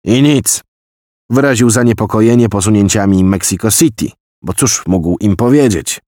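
A man's voice: lowish voice, moderate pace, warm tone, no echo, studio quality, natural voice. A man playing a blustering spy-chief general. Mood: irritated. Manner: agitated, declamatory tirades.

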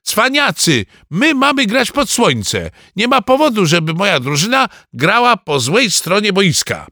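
A man voicing a spoiled, haughty rich schoolboy in a raised, sharp voice. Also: sits high, sing-song, measured pace, no echo, studio quality, voice pushed up, exaggerated voice. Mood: indignant.

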